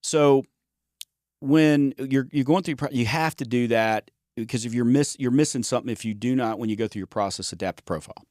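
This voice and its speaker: A man's voice: medium pitch, a little fast, darkish tone, no echo, studio quality. A man co-hosting a podcast about sales, talking in a folksy, joking way that often trails off and restarts words. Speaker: podcast co-host and sales trainer. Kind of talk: casual conversational chat.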